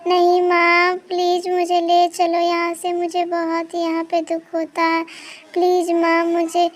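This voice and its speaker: A woman's voice: extremely high pitch, completely flat delivery, measured pace, faint music behind. A woman voicing a sad mistreated girl. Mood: sad pleading. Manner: pleading, tearful.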